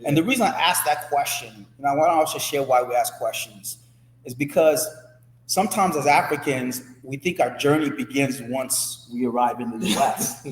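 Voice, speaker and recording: A man's voice: mid-range voice, normal speed, reverberant, big-room sound, low-quality recording. A man hosting an interview, chatty, often repeating words as he frames his questions. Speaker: host. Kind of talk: conversational interview.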